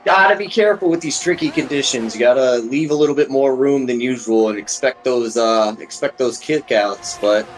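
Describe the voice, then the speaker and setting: A man giving live sim racing commentary, excitable and joking, rising to shouts at incidents. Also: medium pitch, normal speed, hardly any pauses, low-quality recording. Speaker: race commentator.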